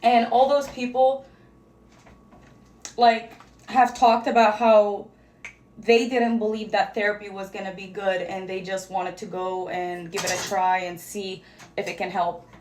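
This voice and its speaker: In an echoey room with a little hiss or hum, a young Arabic-native vlogger rambles as she gets ready, groping for words. She speaks at a medium pitch in a level, slightly mellow tone and at a measured pace.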